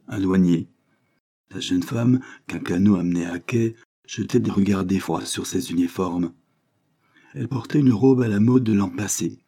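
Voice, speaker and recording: A man narrating a literary novel as an audiobook in a measured, expressive reading. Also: low-pitched, gravelly.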